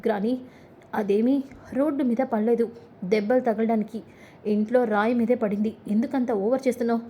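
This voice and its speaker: A woman's voice: a little high, fairly even intonation, moderate pace, warm tone, slight background noise, natural voice. A woman voicing a spoiled, scheming young woman who complains rudely, in a retold family drama. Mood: complaining. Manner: complaining, disrespectful.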